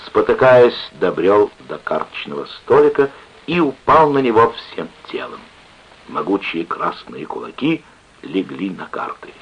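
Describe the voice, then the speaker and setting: A man narrating a story with expressive, lively reading, on an old lo-fi radio recording. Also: low voice, unhurried, breathy edge.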